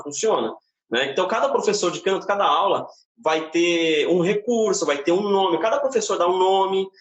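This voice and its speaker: A man with a Brazilian Portuguese accent giving a casual live-stream singing lesson from home, explaining in a relaxed way with frequent tag questions. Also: sits high, roomy sound. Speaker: singing teacher. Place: home, indoors.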